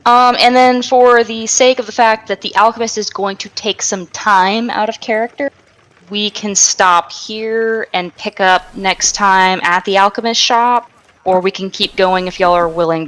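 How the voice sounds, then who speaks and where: Halting woman running a tabletop game. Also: medium pitch, steady tone, a bit bright, low-quality recording. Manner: halting, full of fillers and restarts. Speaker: game master. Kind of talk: narrating a tabletop game over voice chat.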